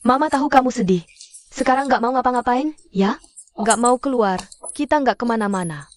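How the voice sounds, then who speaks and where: A woman's voice: a little high, fairly quick, dry recording, lightly acted. An actress voicing a doting, chatty middle-aged mother who fusses over and coaxes her grown son, in a dubbed drama. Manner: fussing, coaxing.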